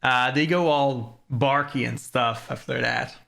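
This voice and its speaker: A man improvising as game master of a tabletop roleplaying game, haltingly and repeating words as he goes. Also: medium pitch, steady tone, vocal fry, a bit bright.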